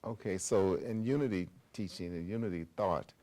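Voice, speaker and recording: A woman's voice: very deep voice, moderate pace, mellow. A woman interviewing a guest on television, encouraging and prompting with frequent affirming murmurs.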